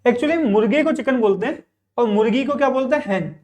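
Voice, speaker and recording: This male English teacher's voice is very high and a little mellow, moving fairly quickly through a vocabulary lesson. Patient in his explanations, he checks in frequently and runs repetitive drills of self-posed questions and answers.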